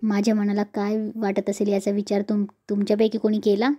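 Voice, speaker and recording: A woman's voice: mid-range voice, monotone, a little fast, lightly acted. Woman reading as a scolding, hot-tempered sister-in-law. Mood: angry. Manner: sharp, scolding.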